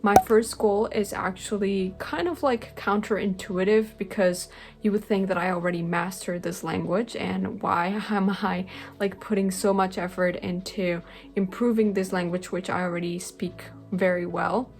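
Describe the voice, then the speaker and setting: This language-learning vlogger, a young woman whose first language is Spanish and who comes from a Spanish-speaking country, speaks at a moderate pace with a medium-pitched, darkish voice and fairly even intonation. Sitting in her bedroom before a close webcam-style camera, she earnestly addresses viewers in a casual talking-head vlog, often saying "like" and "um."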